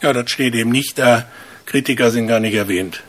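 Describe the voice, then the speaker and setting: A man preaching a sermon, telling stories with lively rhetorical questions. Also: mid-range voice, brisk, a little hiss or hum.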